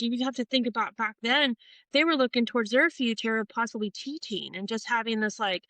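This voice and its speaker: A woman's voice: a little high, fairly bright tone, dry recording, low-quality recording. A middle-aged woman from Portland, Oregon, a tattoo artist telling her story in a casual interview, rambling and swearing with many fillers.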